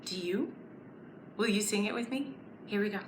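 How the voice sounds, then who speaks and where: The recording, roomy with faint background noise, captures a woman leading a children's story time. She's animated and enunciates clearly, inviting young children to join letters, songs and counting rhymes, in a medium-pitched voice at a moderate pace.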